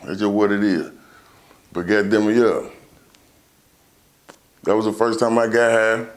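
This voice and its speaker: A man's voice: lowish voice, fairly even intonation, measured pace. Laid-back stoner man with a drawl. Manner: slangy, heavy casual swearing. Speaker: vlogger. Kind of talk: casual storytelling to camera.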